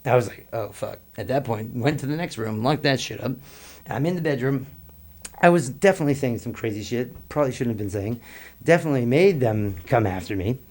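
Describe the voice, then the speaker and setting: A man's voice: medium pitch, expressive, brisk, a little mellow. A middle-aged man, a guest on a podcast, telling a long story in a rambling, profane way and laughing between lines. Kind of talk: casual storytelling.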